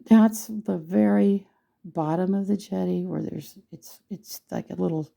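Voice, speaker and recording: A hoarse woman with a gravelly voice, chatting casually and teasing herself while she teaches a painting tutorial. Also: lowish voice, a little slow, warm tone. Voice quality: gravelly, husky voice. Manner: chatty, self-deprecating, thinks aloud while painting.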